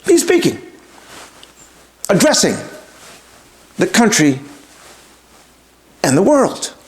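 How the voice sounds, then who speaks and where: Man, show host, opinion monologue, very animated pitch, rhetorical questions. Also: slow. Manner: emphatic, repeats himself for stress; talks straight to the audience with rhetorical questions. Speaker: podcast host.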